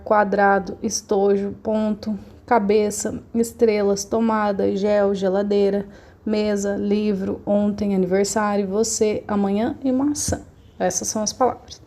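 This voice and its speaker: A woman's voice: medium pitch, warm tone. A woman teaching a remote class, explaining patiently and often checking that her students follow.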